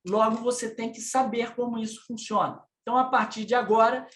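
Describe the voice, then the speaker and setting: A man's voice: extremely high pitch, fairly even intonation, a little fast, fairly bright tone. A middle-aged man with a Brazilian Portuguese accent giving a lecture to business owners on tax matters. He teaches didactically, addresses listeners directly and asks them rhetorical questions. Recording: echoey room.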